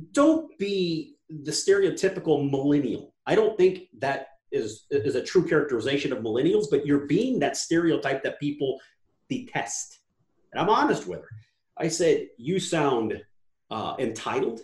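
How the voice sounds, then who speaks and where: Podcast guest, male, animated and blunt, raised voice, roomy echo. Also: a little high, normal speed. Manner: animated storytelling, swears freely. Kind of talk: casual podcast conversation.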